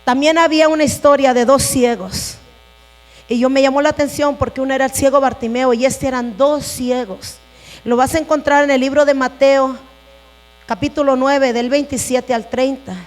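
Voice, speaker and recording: A woman's voice: high voice, fairly even intonation, normal speed. A woman pastor preaching a sermon in an earnest way, speaking to the congregation as brothers and sisters. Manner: earnest, addresses listeners as brothers.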